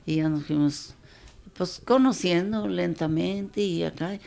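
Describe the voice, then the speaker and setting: An elderly woman tells family stories in a relaxed, chatty way. Her voice is low and gravelly. She slips into the voices of the people she quotes. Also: a little slow. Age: 80s. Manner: lively storyteller, quotes people in dialogue, chuckles often. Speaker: grandmother telling her life story. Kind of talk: casual storytelling.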